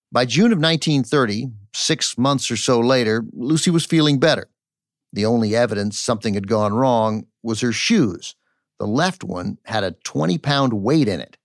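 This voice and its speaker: A man's voice: fairly low pitch, no room sound, studio quality. A man hosting and narrating a scripted audio documentary. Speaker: podcast host and narrator. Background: faint music.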